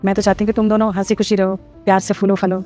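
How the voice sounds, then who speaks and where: A woman's voice: mid-range voice, level tone, racing, a little mellow, soft background music, close to an everyday voice. A woman playing a fussy, easily offended mother-in-law in a family drama, complaining and indignant. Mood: resigned. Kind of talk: Hindi family drama acting.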